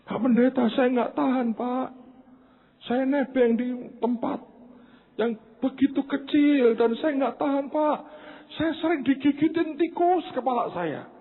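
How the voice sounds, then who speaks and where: A preacher putting on a sobbing, begging widow. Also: male voice, a little slow, big-room sound, full character voice. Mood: pleading, tearful. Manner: high pleading wail, pitched far above his own voice. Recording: tinny phone-like sound.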